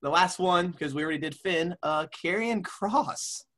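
A man's voice: high-pitched, normal speed, sharp tone. A man chatting casually, laughing often and stalling with fillers. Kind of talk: casual banter.

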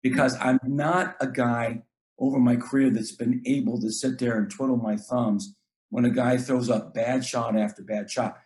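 A man's voice: medium pitch, fairly even intonation, normal speed, darkish tone. Earnest middle-aged male basketball coach. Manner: earnest, repeats words, acts out talks with players. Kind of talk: casual podcast chat.

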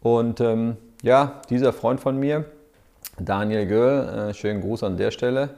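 A man, a podcast guest telling stories in a relaxed way with many fillers. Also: medium pitch, a little slow, creaky. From Berlin, Germany. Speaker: podcast guest, startup founder. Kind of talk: casual interview storytelling.

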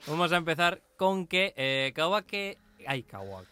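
A man hosting a casual podcast about anime, relaxed and trailing off as he talks. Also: a little high, measured pace, clear, resonant tone, no echo. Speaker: podcast host.

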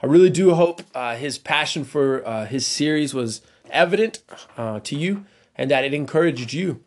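A man hosting a casual church podcast, talking in a relaxed, chatty way with plenty of fillers, and he has a wife and kids. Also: on the high side, normal speed. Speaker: podcast host.

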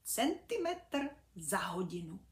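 A woman voicing a contented male snail who talks slowly and with amusement. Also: mid-range voice, very animated, natural voice. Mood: amused. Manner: slow and amused. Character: slow, contented male snail, always at home. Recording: echoey room.

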